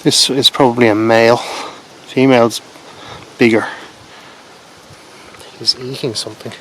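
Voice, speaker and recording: A man's voice: medium pitch, little pitch movement, unhurried, slight background noise, poor audio. A man presenting wildlife in an informal, explanatory nature documentary style, speaking to viewers. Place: mostly outdoors in nature.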